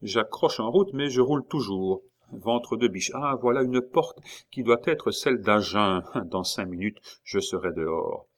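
In this audiobook, a man puts on an impatient, sharp-tongued envoy who is losing his temper. The voice sits lower than average and is sarcastic and exasperated. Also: lively intonation, a little slow. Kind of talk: audiobook character reading.

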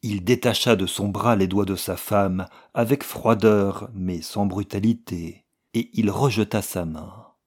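A man narrating a literary story in a measured, grave way. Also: lowish voice, fairly even intonation, a little mellow, slightly rough.

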